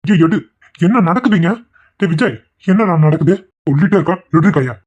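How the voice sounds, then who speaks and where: A hoarse, low-voiced elderly father-in-law in a cartoon, as a woman puts him on. He rattles off scoldings quickly in a dark, gravelly tone. The sound is dull and lo-fi. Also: animated. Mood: angry scolding. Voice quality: deep, husky, rapid barking delivery. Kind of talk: cartoon voice acting.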